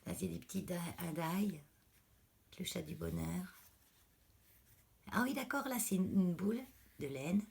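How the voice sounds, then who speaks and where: A woman chatting casually as she unboxes craft mail. She is losing her voice, exclaims softly and often drops to a whisper. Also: fairly low pitch, measured pace, creaky, long pauses. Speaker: crafting vlogger.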